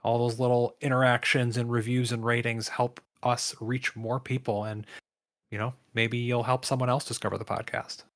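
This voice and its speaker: A man's voice: mid-range voice, level tone, normal speed, fairly bright tone. A man co-hosting a board game podcast in casual chat, telling stories and laughing often. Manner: laughing, chatty storytelling. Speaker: podcast co-host.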